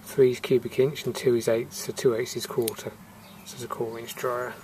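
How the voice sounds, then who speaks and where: A man's voice: medium pitch, level tone, fairly quick, noisy background. A man, a refrigeration technician, casually talks through what he is showing, thinking aloud with fillers in a matter-of-fact way, recorded outdoors on a camera mic. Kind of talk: casual hands-on narration. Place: outdoors in a yard.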